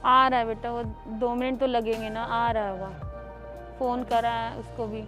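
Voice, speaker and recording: Brief: desperate elderly mother-in-law, played by a woman, monotone high voice, music bed. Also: normal speed, lightly acted. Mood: pleading. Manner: begging, tearful pleading. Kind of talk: staged family drama.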